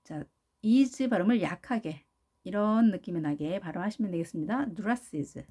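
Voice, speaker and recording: A woman teaching an English phonics lesson, patiently repeating each model word slowly. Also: medium pitch, lively intonation, mellow.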